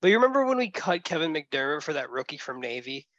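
Bright young man, dull dry sound. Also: fairly high pitch, big pitch swings, fast. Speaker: podcast co-host. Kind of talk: casual sports chat.

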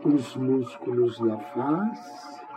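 A man leads a guided meditation in a soothing manner, leaving long pauses between phrases. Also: mid-range voice, heavy background noise. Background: relaxation music.

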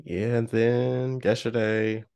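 A man's voice: medium pitch, level tone, takes it slowly, gravelly, darkish tone, clean tone. A man chatting casually as a podcast co-host, playful and self-mocking, repeating himself for emphasis. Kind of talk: casual chat.

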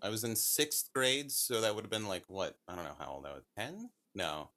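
Low bright-voiced man telling a story. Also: sing-song, normal speed. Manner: rambling, self-correcting, with lots of fillers. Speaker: podcast guest. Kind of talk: casual storytelling.

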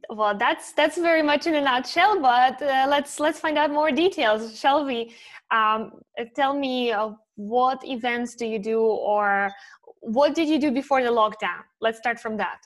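A woman's voice: high voice, unhurried. A woman hosting an interview series, welcoming and questioning her guest with a friendly manner and a few hesitant fillers. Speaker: interview host.

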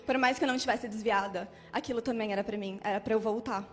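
A young woman in her twenties telling an emotional church testimony in an animated storytelling manner. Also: medium pitch, fast, in a large hall, soft background music. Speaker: testimony speaker.

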